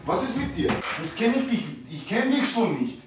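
A man's voice: sits high, sing-song, normal speed. A young man in a casual prank video, talking in heavy street slang and scolding his friend. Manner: slangy, scolding, reads texts aloud. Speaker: vlogger. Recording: echoey room, mic far off, music behind.

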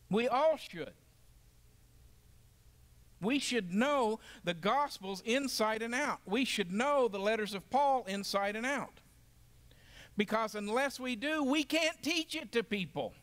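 A man's voice: very high voice, fairly bright tone. A man teaching a Bible lesson to a class, emphatic and asking the group questions.

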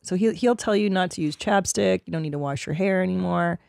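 A woman's voice: lowish voice, vocal fry, darkish tone, no room sound. A woman co-hosting a podcast, chatting casually and laughing often. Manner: laughs often, drawn-out teasing delivery. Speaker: podcast co-host. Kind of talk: casual chat.

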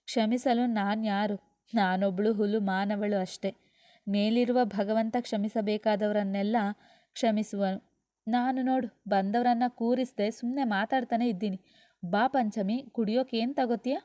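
A woman voicing a gentle, dignified young wife who speaks softly and calmly, in a dull lo-fi recording. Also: mid-range voice, unhurried, no echo, close to an everyday voice.

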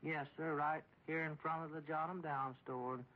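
In a muffled old radio recording, an actor speaks in a slightly high, steady, natural voice at normal speed. He plays a meek, simple, dutiful small-town man with a rural Southern accent in a 1940s radio comedy, reporting earnestly and hesitantly. His manner is deferential and literal.

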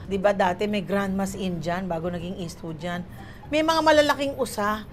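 A woman's voice: medium pitch, moderate pace, a little hiss or hum. A woman from the Philippines, a guest actress, telling stories in casual chat and acting out what people said. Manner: animated, acts out quoted lines, mixes Tagalog and English.

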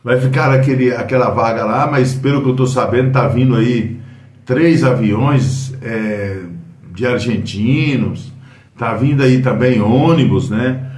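A man's voice: mid-range voice, darkish tone, distant mic. A man in his fifties with a Brazilian accent, hosting casual football news commentary at home, rambling with fillers and self-corrections. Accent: Brazilian Portuguese. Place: small room at home. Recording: roomy echo, voice a bit off-mic.

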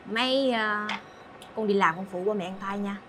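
An actress with a Southern Vietnamese accent playing a caring teenage daughter who soothes her father and pleads gently. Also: medium pitch, normal speed, slight background noise, natural voice. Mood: soothing. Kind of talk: film acting. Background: background music.

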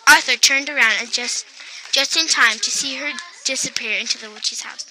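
A woman reads a children's picture book aloud in a high, very bright voice. She lifts her tone for the characters' lines and drops it low for each speech tag. A faint hiss of noise sits behind her. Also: normal speed, rough recording. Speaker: storybook reader.

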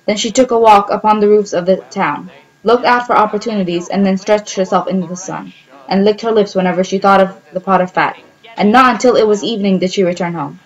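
A woman reads a fairy tale aloud at a middle pitch. Her narration is steady and plain. It has an occasional stumble or restart. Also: fairly quick, muffled recording. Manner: steady reading with small slips and restarts.

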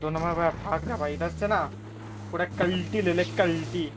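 A young man from India streams a match live, firing off urgent, excitable callouts. His voice sits high. Loud gunfire and game sounds fill the background. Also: normal speed, background noise. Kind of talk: live gaming voice chat. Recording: voice chat over loud gunfire.

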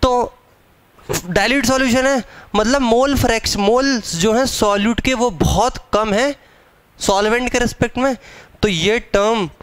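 A man's voice: very high-pitched, a bit bright, clean tone, no room sound. A young man teaching chemistry in a live classroom lecture, speaking in a casual, teasing way and drawing out key terms. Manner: casual, teasing students, drawn-out stressed terms. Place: classroom with students.

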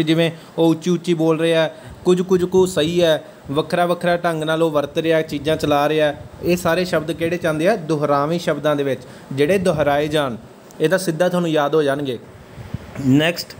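A man delivers an exam-prep grammar lecture in a slightly high voice. He keeps checking whether his students are following. Faint noise hums under the recording. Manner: checks understanding with repeated questions. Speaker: teacher.

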